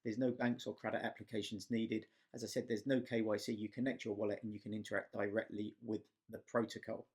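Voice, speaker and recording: A man's voice: fairly low pitch, flat delivery, fast talker, hardly any pauses, a little mellow, husky. A man giving a casual, step-by-step screen-recording walkthrough in an explanatory manner as a tutorial presenter.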